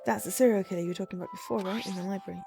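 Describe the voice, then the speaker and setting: A woman's voice: medium pitch, fairly even intonation, racing, gravelly. A woman reading game dialogue aloud and adding casual commentary during a playthrough. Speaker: gamer playing a visual novel. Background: game music.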